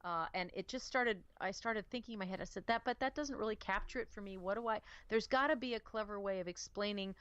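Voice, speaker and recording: A woman co-hosting a casual talk radio show, animated and playful, acting out quoted voices with emphasis. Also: medium pitch, fast talker, few pauses, clean tone, no echo, muffled recording. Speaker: radio co-host.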